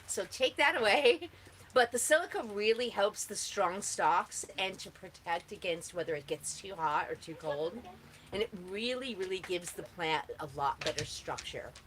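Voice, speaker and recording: A woman's voice: medium pitch, normal speed, fairly bright tone, rough recording. A woman chatting casually and answering questions in a laid-back, stoner-like ramble, recorded outdoors with some background noise. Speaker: host answering gardening questions.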